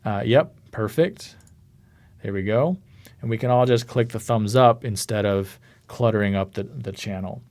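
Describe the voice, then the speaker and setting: A man's voice: on the low side, moderate pace, darkish tone. Casual man instructing an online class. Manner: casual, narrates his screen clicks as he goes. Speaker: course instructor. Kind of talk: live online class walkthrough. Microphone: computer mic on a video call.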